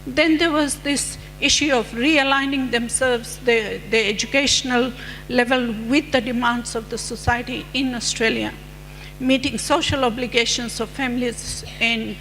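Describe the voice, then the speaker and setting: Woman, middle-aged, conference talk, measured, rhetorical, long hall reverb, low hum. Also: fairly even intonation, a bit bright. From Fiji. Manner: measured, lecturing with rhetorical questions. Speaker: conference speaker. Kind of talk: conference presentation.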